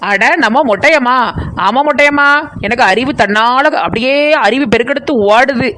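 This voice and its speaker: A woman's voice: on the high side, moderate pace, fairly bright tone, close to an everyday voice. A woman voicing a chatty, nosy village woman in a cartoon comedy, with a southern Tamil Nadu accent. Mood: bossy. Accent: southern Tamil Nadu (Kanyakumari–Tirunelveli). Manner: rambling, teasing, talks nonstop.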